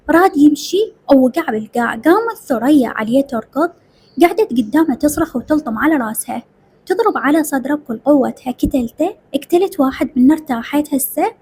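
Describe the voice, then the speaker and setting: A woman's voice: high-pitched, animated, quick pace, a little mellow. A woman with an Iraqi accent narrating a dramatic story in the first person, emotional and tearful. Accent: Iraqi Arabic.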